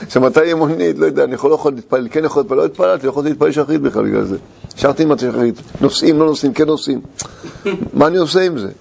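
A middle-aged man tells a personal story in casual conversation, his fairly high voice gravelly and husky. He's animated and laughs as he goes, yet he keeps stopping, restarting and hunting for words.

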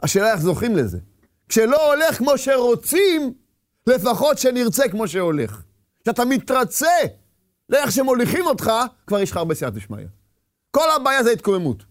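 A man's voice: very high-pitched, sing-song, no echo, studio quality. A man giving a Torah lecture with passion, firing rhetorical questions and acting out inner voices. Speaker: religious teacher.

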